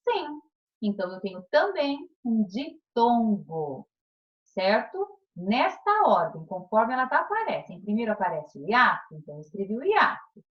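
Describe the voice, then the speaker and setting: A woman's voice: mid-range voice, dull audio. A woman teacher with a Brazilian Portuguese accent, giving a recorded remote class to primary pupils in an encouraging way, drawing out syllables and checking in often. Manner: encouraging, drawn-out syllables, frequent "tá?" check-ins.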